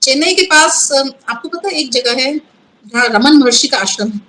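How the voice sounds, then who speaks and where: A woman guest telling a personal story in an interview, earnest and halting, often restarting her sentences and mixing in English words. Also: sits high, expressive, sharp tone, a little hiss or hum, rough recording. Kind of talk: personal testimony in a conversational interview.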